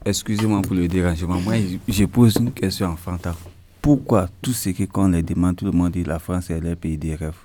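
A man's voice: low-pitched, fairly even intonation, normal speed, dark tone, a little hiss or hum. A man in a group discussion politely asking a puzzled question. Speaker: discussion participant.

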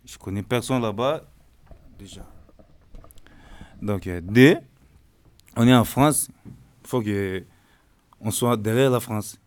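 Earnest man with a lowish voice. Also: slow pace, long pauses. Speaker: discussion participant. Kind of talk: casual group discussion.

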